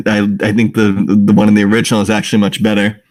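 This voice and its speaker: A man's voice: fairly low pitch, level tone, quick pace, darkish tone. A man co-hosting a casual gaming podcast, joking and teasing the others. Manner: playful, teasing banter. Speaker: podcast co-host.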